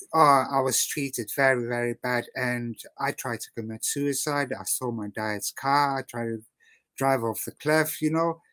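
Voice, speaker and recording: Here the guest artist, a South African man with an English-sounding rather than South African accent, talks casually in an interview. His voice is mid-range and fairly bright, there's no room sound, and his answers wander with plenty of "you know" fillers.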